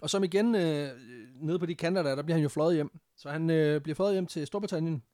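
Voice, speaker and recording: A man's voice: a little high, a little mellow, dry recording, clean studio sound. A man casually telling a history story on a podcast, laughing often and swearing freely, with English phrases mixed in.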